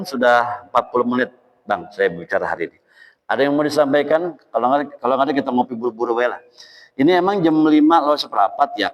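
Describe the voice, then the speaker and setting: Guy giving a dawn sermon, jokey and animated, big echo of the mosque hall. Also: medium pitch. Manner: lively, joking, acts out quoted voices. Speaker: preacher. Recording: long hall reverb in a mosque.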